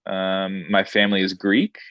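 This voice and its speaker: A restaurant director answering interview questions in a thoughtful, measured way, pausing with ums and restarting his phrases. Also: low voice, monotone, no room sound, muffled recording. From born in Saudi Arabia, grew up in Indonesia.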